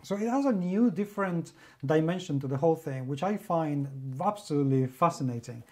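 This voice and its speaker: A Spanish man with a Spanish accent, appearing as a guest reviewer and magazine editor, gushes over a favorite role-playing game in an enthusiastic monologue packed with superlatives. His voice is on the high side, expressive, and dark in tone, and he talks a little fast.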